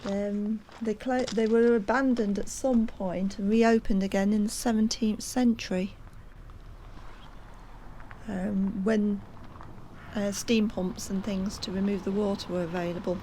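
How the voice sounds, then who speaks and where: This woman vlogs a casual walking tour outdoors on a hillside, speaking a little slowly in a dark, mid-range voice with fairly even intonation. Slight background noise is present. Chatty yet hesitant, she says um a lot and sometimes gets winded from climbing.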